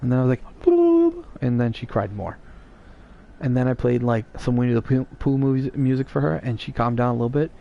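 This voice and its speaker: A man's voice: medium pitch, flat delivery, a little fast, vocal fry, dark tone, lo-fi sound. A man streaming live, chatting casually and teasing his viewers in a rambling way.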